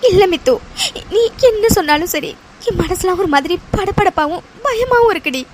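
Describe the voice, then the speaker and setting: A woman's voice: very high-pitched, moderate pace. A woman voicing a tearful frightened bride. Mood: tearful fear. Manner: tearful, fearful, pleading. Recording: steady background hiss.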